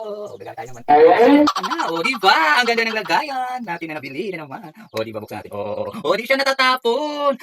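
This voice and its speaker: Chatty woman, very noisy recording. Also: deep voice. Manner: chatty, excitable, keeps saying "di ba". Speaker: vlogger. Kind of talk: casual cooking and product demo. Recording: loud background noise.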